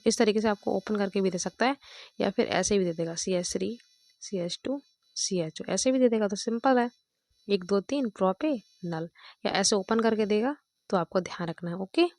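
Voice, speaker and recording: A woman's voice: mid-range voice, moderate pace, no echo. A woman chemistry teacher explaining step by step, counting aloud and checking in often with her students. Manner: counts out loud, checks with "thik hai" and "dekho".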